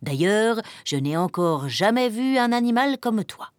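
A woman voicing an adult green lizard who answers curtly and dismissively, a little lower than her own voice. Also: sing-song, measured pace, dry recording, clean studio sound.

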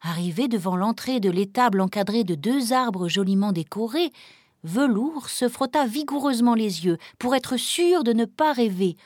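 A woman narrating a children's storybook in a gentle, expressive reading voice. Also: fairly high pitch, normal speed, dry recording, studio quality.

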